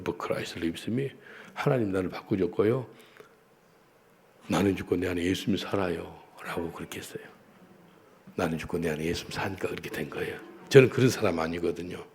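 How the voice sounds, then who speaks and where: A man's voice: on the low side, gravelly, darkish tone. A middle-aged man preaching a sermon in a Korean accent, telling a story with emphasis and leading the congregation in repeated prayers. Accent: Korean, with Korean-accented English phrases. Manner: storytelling, acts out a street encounter with quoted English. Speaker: pastor.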